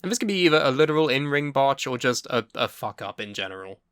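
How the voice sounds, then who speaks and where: A young man co-hosting a casual podcast chat, swearing freely and bursting into excited yelling. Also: medium pitch, quick pace, smooth, no echo, clean studio sound. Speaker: podcast co-host.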